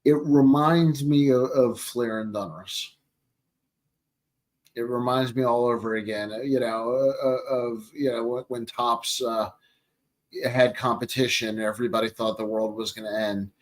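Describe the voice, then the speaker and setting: A man hosting a casual chat, speaking haltingly and searching for his words. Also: mid-range voice, steady tone.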